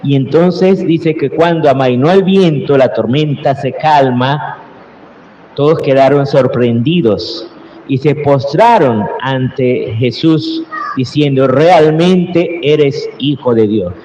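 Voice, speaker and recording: A priest preaching a slow, earnest Sunday homily, his voice rising into cried-out prayers, recorded in a large church. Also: mid-range voice, warm tone, highs cut off, a little hiss or hum. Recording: roomy church reverb with faint ambience.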